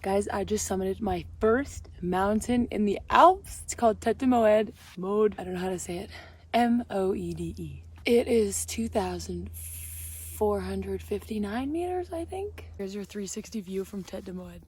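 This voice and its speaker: A young woman talking to her camera in a casual, chatty, excitable way while out on a mountain hike. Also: medium pitch, measured pace, slight background noise. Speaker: vlogger. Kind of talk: casual hiking vlog. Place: outdoors on a mountain trail.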